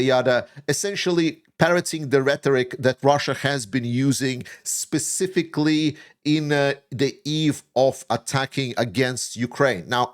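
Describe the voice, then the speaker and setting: A man from Latvia, a native Latvian speaker, hosting opinionated news commentary in English, frank and sarcastic, with frequent pauses on "uh". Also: medium pitch. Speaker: commentary channel host.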